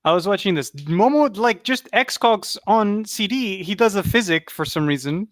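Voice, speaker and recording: Casting: higher-voiced gamer guy, excitable, sweary, dry close mic. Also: normal speed, no room sound. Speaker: healer player in a raid group. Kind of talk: casual voice chat.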